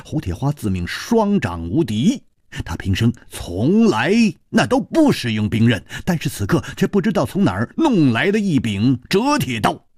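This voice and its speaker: A male storyteller narrating a martial-arts tale in a dramatic, expressive style. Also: mid-range voice, normal speed, slightly rough, dry recording, clean studio sound.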